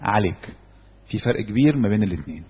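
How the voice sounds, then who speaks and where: A man with an Egyptian Arabic accent gives a sermon-style church talk to a group, asking his listeners questions and answering them himself. His mid-range voice is expressive and fast, with slight background noise. He uses a handheld mic, and the echoey hall comes through a tinny, phone-like recording.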